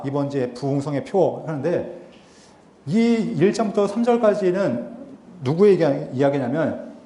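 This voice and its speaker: A man teaching a Bible seminar with a high, light voice. He talks in an earnest lecturing tone and keeps posing questions he answers himself. The sound rings around a roomy lecture hall. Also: dark tone. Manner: earnest, asks and answers his own rhetorical questions. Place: lecture hall at a theological university.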